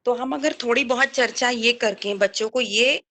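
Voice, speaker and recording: A woman's voice: fairly high pitch, sharp tone. Woman on a choppy, breaking-up call. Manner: hesitant, halting, with frequent fillers. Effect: choppy, breaking-up online call audio. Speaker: participant in an online discussion group. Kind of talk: casual sharing in a group discussion. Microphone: video call.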